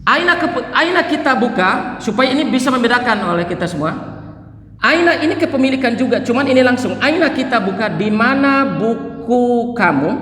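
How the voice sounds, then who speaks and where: A man teaching a beginner grammar lesson, repeating example phrases slowly and then translating them. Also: very high-pitched, lively intonation, a bit bright. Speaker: Arabic teacher. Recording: echoey room with long reverb.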